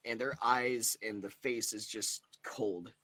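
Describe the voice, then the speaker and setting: A man's voice: fairly low pitch, steady tone, slow, bright, forceful tone. A young man narrating as game master of a tabletop game, chatty and loose, laughing often.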